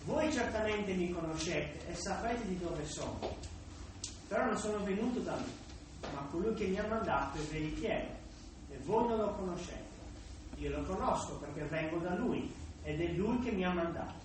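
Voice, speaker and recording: A man reading aloud the words of Jesus, a grown man teaching and rebuking, in a measured, solemn way. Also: high-pitched, expressive. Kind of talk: scripture reading. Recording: echoey room, distant mic, noise.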